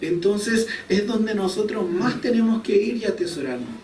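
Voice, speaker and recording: A man's voice: sits high, lively intonation, moderate pace, darkish tone, a little hiss or hum. A young man, preaching a sermon in a conversational, storytelling way. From Chile. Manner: conversational storytelling, chuckles at himself. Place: church hall. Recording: echoey church room, distant mic.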